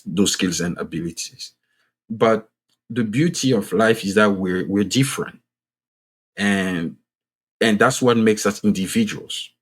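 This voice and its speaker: A guest economist and author from Ivory Coast speaks in a podcast interview with a French-speaking Ivorian accent; French is his first language. He is earnest, repeating and restarting phrases to stress a point. His voice is low-pitched and slightly rough.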